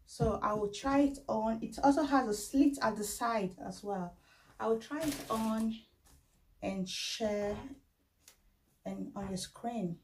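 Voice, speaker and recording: A woman in her thirties hosting a casual try-on haul vlog at home, talking unhurriedly with many fillers. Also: on the high side. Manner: unhurried, halting, with frequent fillers. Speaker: vlogger. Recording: faint background noise.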